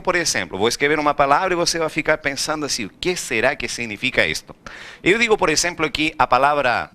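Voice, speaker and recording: A man teaching Spanish in a classroom, often asking the students questions. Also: medium pitch. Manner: lively, rhetorical questions to students. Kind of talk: recorded classroom lecture.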